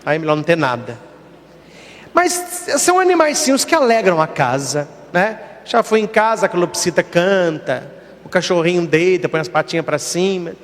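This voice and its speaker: High-voiced Brazilian priest preaching emphatically. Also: male voice, very animated, normal speed, long reverb tail. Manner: emphatic preaching, acts out quoted voices in short stories. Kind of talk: sermon.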